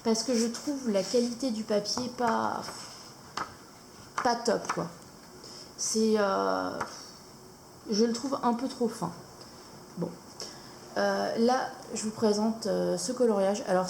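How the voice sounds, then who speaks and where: A woman vlogger casually showing her coloring books, hesitant with many fillers and pauses. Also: medium pitch, gravelly, darkish tone. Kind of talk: casual show-and-tell chat. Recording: echoey room, faint noise.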